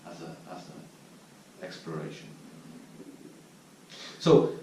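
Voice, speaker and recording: A man with an Irish accent giving a reflective dharma talk as a Zen teacher at a retreat, pausing to search for his words. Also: deep voice, sing-song, mellow. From Ireland. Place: meditation hall at a retreat centre. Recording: distant mic in a very echoey room with faint noise.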